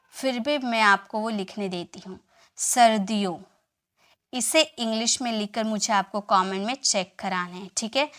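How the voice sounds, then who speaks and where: A woman's voice: on the high side, sharp tone. A woman teaching English reading online, patiently spelling words letter by letter and answering her own questions.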